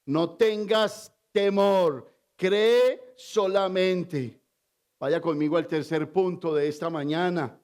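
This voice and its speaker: A man preaches in a fairly high voice, taking his time over each phrase. He delivers a sermon with strong emphasis. He pauses often to put questions to his congregation. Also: a little mellow. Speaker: pastor.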